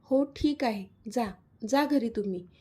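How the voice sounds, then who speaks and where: A woman's voice: a little high, a little slow, a little mellow. A woman voicing a pouting, tearful young woman in a storybook love story. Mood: sulky. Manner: pouting, pleading.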